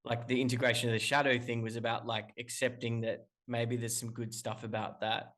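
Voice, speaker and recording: Talking casually as a remote interview guest, this Australian musician rambles through long answers, often restarting and filling gaps. He speaks briskly in a medium pitch, level and fairly bright in tone.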